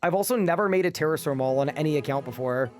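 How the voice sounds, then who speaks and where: A man's voice: on the high side, quick pace, darkish tone, soft background music. A sleep-deprived man streaming a game live, chatting casually and reading his chat aloud.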